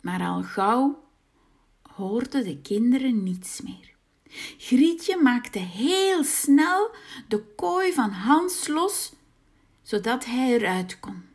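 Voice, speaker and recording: A woman reading a children's fairy tale aloud, slow and sing-song, sometimes dropping into a whisper. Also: a little high, big pitch swings. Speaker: storyteller.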